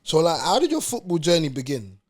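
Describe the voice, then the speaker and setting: Easygoing young podcast host. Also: male voice, on the high side, wildly swooping pitch, darkish tone. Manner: easygoing, quick to agree and laugh. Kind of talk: casual chat.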